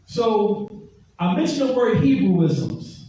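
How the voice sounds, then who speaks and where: Heard from far off in a large, echoey hall, a man preaches an emphatic teaching sermon, repeating his scripture references and drawing responses from the room. His voice is high and dark-toned, very animated but slow. The distant mic picks up faint noise.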